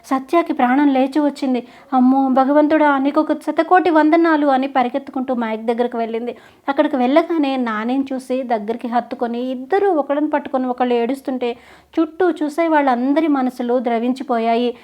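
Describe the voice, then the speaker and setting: A woman narrating a scripted story in an expressive, dramatic way. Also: sits high, a little fast.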